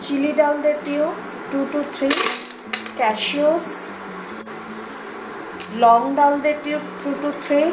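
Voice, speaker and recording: Slow and steady, with long pauses, a high-voiced home cook with an Indian accent explains her recipe step by step, moving between Hindi and English. The recording is very noisy.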